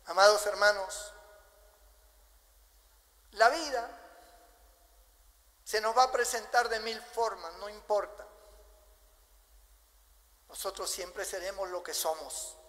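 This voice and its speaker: A man from Peru preaching a sermon as pastor. He swings from loud emphasis to hushed asides and asks rhetorical questions. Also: high voice, slow pace, long pauses, long reverb tail, rough recording.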